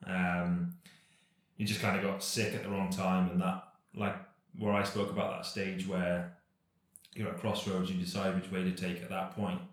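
A man in his thirties, a professional cyclist from Britain, chatting casually in an interview, relaxed and rambling with lots of fillers and restarts. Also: low-pitched, normal speed, very echoey.

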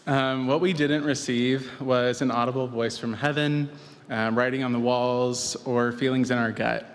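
Guy reading out a mission testimony, earnest and measured, reverby room. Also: mid-range voice, steady tone. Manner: measured, earnest, formal wording. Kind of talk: personal testimony. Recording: echoey hall with faint noise.

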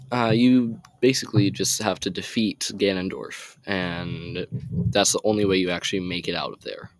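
A man's voice: sits low, no echo. A teenage boy casually recapping a video game story, rambling, getting sidetracked and apologizing for it. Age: teens.

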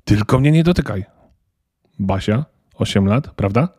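A man's voice: on the low side, lively intonation, a little slow, darkish tone, husky, no echo, clean studio sound. A man voicing a small, fussy male Christmas elf who talks in a flustered, indignant, stern way.

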